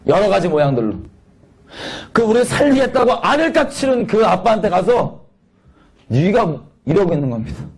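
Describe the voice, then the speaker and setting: A man from Korea delivers a sermon with a lively, swinging pitch, jumping from loud outbursts to quiet asides. His voice has a mellow, dark tone, and he talks to the congregation like a friend. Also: moderate pace, husky. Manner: animated, conversational preaching with sudden loud peaks and quiet drops. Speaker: preacher.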